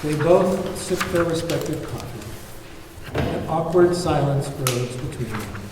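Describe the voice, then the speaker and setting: Reading screenplay stage directions aloud at a table read, a man speaks in a slightly high, animated voice and takes his time. He was recorded from a distance in an echoey room, and there's noise in the background.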